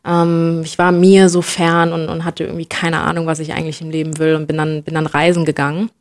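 A young woman from Germany, speaking reflectively as an interview guest and often pausing to search for words. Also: low voice, flat delivery, no room sound, studio quality. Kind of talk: personal interview conversation.

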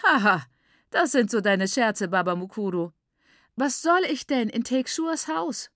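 A woman's voice: on the high side, expressive, a little slow, a bit bright, no echo, clean studio sound, pitched above the performer's own voice. A woman voicing a bold, untameable young woman who speaks out in a spirited, mocking way. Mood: defiant. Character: bold defiant young woman, sharp-tongued.

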